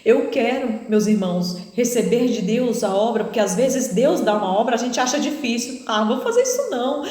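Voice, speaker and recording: A Brazilian woman preacher giving an emotional spoken testimony, retelling it in an animated way with many fillers. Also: medium pitch. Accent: Brazilian Portuguese. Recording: echoey room with long reverb.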